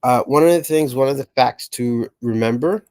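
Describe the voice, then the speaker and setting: A man's voice: mid-range voice, moderate pace, a little mellow, no echo. A man explaining a science reference table as a teacher, talking casually and often checking in with "okay" and "right". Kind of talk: explainer lesson narration.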